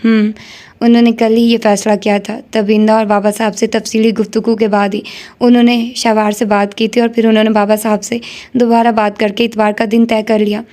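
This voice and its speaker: A woman voicing a calm, gentle but firm older mother. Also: a little high, natural voice. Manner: calm, soothing.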